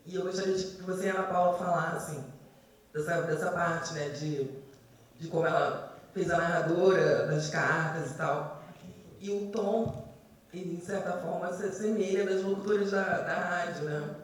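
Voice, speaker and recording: A man's voice: high voice, moderate pace. A man in the audience asking a friendly, musing question at a panel after a screening. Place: screening hall. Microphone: distant hall microphone. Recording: echoey hall from far off.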